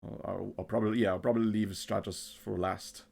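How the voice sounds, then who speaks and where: A man giving casual game commentary, thinking aloud in a halting way and often repeating his words. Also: on the low side, steady tone, creaky, a little mellow, husky. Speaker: gamer narrating a playthrough. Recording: game music behind the voice. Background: video game music.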